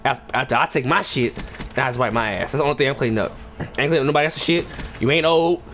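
A young man with a medium-pitched, slightly bright voice talks fast, telling a rambling storytime over gameplay for a gaming video. His speech is slangy and full of swearing, turning emphatic when he gets indignant. Soft music plays behind him, along with clear background noise and ambience.

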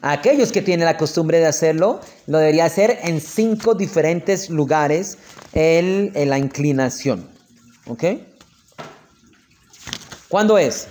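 A man with a Colombian Spanish accent leads a lesson on prayer customs. His voice sits somewhat high, and he slows down to spell out each prayer word before moving on. He keeps checking with his listeners, asking whether they are with him. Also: a little mellow. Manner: explanatory, checks in often with "¿ok?" and "¿listo?". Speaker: rabbi teaching prayer customs.

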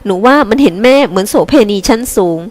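A woman voicing a resentful teenage girl who speaks slowly and bitterly about her mother, in an audiobook with long reverb. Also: fairly high pitch, a little mellow, pitched above the performer's own voice, natural voice. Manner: resentful, cutting, slow and emphatic.

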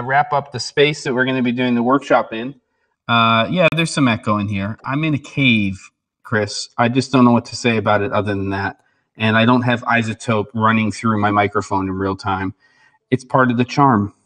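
A man with a medium-pitched voice talks casually as a livestream co-host. The room gives his words an echoey, cave-like sound. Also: fairly even intonation, moderate pace, fairly bright tone.

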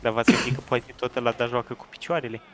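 A man's voice: mid-range voice, level tone, heavy background noise. A man watching his friends play a match, teasing them and commenting casually from the side. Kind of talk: casual gaming banter.

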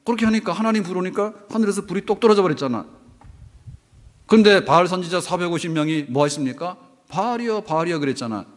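A man's voice: high-pitched, quick pace, in a large hall. A male pastor preaching a sermon in a conversational way, asking the congregation questions as he goes. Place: church sanctuary.

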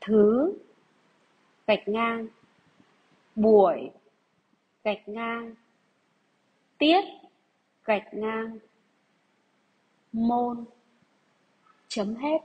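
A woman teaching primary school gives young pupils a dictation lesson, speaking in a deliberate, measured way and repeating phrases. Her voice is a little high with a breathy edge, and the high frequencies are cut off.

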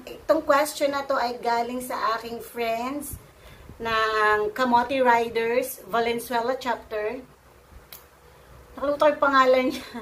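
A woman's voice: fairly high pitch, fairly bright tone, slight background noise. A woman from the Philippines answering viewer questions in a playful, teasing way, laughing often. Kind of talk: casual Q&A vlog.

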